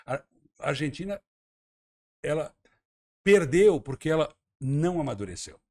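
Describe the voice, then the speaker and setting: On a radio interview program, a former tourism minister from Santa Catarina, Brazil, pushes his arguments with emphasis. He has a husky, lively, slightly high voice and an unhurried pace, and he tends to repeat words while thinking.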